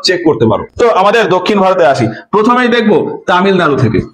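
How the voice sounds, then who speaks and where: A man's voice: high-pitched, very animated, fast talker, over music. A man giving an exam-prep lecture over a map, drilling names by repeating them. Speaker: teacher. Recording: echoey room.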